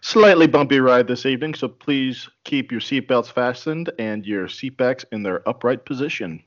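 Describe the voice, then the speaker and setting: A man's voice: medium pitch, normal speed, natural voice. A man voicing an airline captain making a mock-formal cabin announcement over the intercom, on a lo-fi video call. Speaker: podcast panelist. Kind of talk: casual chat on a video call.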